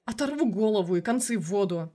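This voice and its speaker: A woman's voice: medium pitch, lively intonation, quick pace, warm tone, close to an everyday voice. A woman reading a dry, wry young hero.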